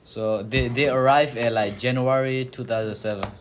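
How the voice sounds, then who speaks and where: Young man, halting, repeats words, mid-pitched, faint background noise. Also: fairly even intonation. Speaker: student telling his family's story. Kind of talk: casual classroom discussion.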